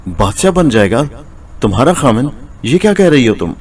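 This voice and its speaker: A man's voice: medium pitch, sing-song, fairly quick, slightly rough, far from the mic. A man putting on a nosy, scolding village wife. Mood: scheming. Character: scheming, nosy woman, blacksmith's wife.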